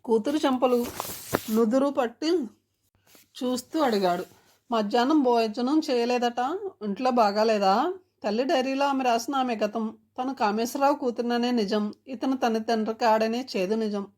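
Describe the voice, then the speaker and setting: A woman's voice: on the high side, normal speed, a little mellow. A woman reading a sentimental family story aloud as narrator, speaking the characters' lines in her own voice.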